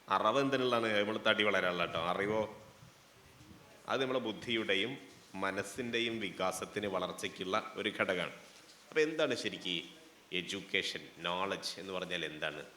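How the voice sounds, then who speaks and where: A man's voice: lowish voice, sharp tone. A man with a Malabar Malayalam accent giving a playful, interactive speech to students at a college fest, asking the audience questions and making jokes. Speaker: guest speaker inaugurating a college fest. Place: hall with an audience. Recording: roomy hall with faint background noise.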